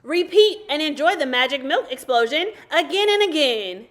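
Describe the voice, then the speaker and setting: A woman hosting an educational kids' demonstration, talking in an excited, encouraging way to a young child, with exclamations. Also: high-pitched, normal speed. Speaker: host of a family kids' science show. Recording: echoey room.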